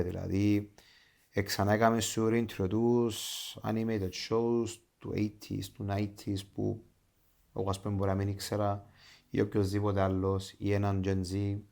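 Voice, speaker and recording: A man's voice: lowish voice, creaky, a little mellow. A man with a Cypriot Greek accent talking casually as an interview guest, enthusiastic and dropping English phrases into his Greek. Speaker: interview guest, pro wrestler.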